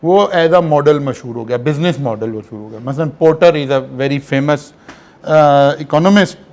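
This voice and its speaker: A man's voice: on the high side, darkish tone. A man giving an online classroom lecture, explaining step by step and checking in with rhetorical questions. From Pakistan.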